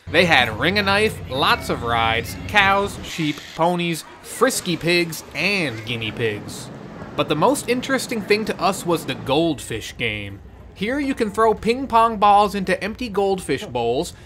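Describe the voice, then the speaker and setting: A man's voice: a little high, bright, forceful tone, a little hiss or hum. A young man in his twenties giving dry, wry scripted voice-over narration for a road trip vlog. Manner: dry, wry, reading reviews in an overexcited voice.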